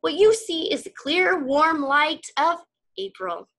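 A woman voicing an eager, cheerful male frog who calls out loudly and high as he tries to wake his friend. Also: slow pace, full character voice. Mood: coaxing.

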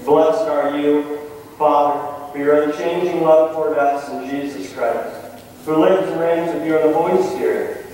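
A male pastor leads the prayers in a measured, intoning cadence. His voice rings through a cathedral-like echo with a long reverb tail. It is picked up from far across the sanctuary, with a faint hiss of room noise behind it. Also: a little high, steady tone, a little mellow. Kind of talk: leading liturgical prayers. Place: large church sanctuary.

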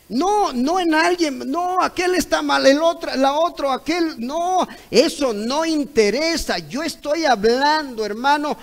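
A Mexican man preaching a Sunday school sermon, retelling a conversation, pausing to ask "¿ve?" and at times rising to loud cries. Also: very high voice, poor audio. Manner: retells a dialogue, repeating "correcto" and "¿ve?"; rises to loud exclaimed cries when acting out others.

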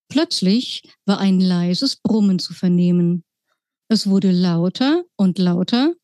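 Woman, author, children's book reading, slow deliberate narration, dry close sound. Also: mid-range voice, a little mellow, no echo.

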